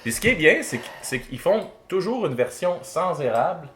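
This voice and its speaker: A man's voice: a little high, sing-song, moderate pace, a bit bright. A man with a Québécois French accent, co-hosting and explaining products in a casual tasting chat, repeating words in bursts. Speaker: co-host presenting products. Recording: echoey room with faint noise.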